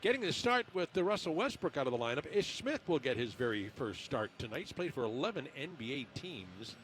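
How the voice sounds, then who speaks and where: A man commentating on a basketball pre-game show as the radio broadcaster, in a conversational, halting way. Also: mid-range voice, sing-song, a bit bright, a little hiss or hum.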